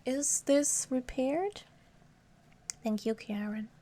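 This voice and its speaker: A woman's voice: high voice, slow, warm tone, slight background noise. Giggly woman chatting on a game stream. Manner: giggly, chatty, talks to viewers and her cat. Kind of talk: casual live-stream chat while gaming.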